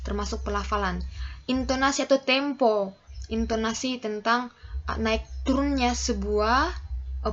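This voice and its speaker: A woman's voice: on the high side, fairly bright tone, dull audio. A woman teacher giving a class lesson, explaining step by step with frequent "oke" and "ya" check-ins.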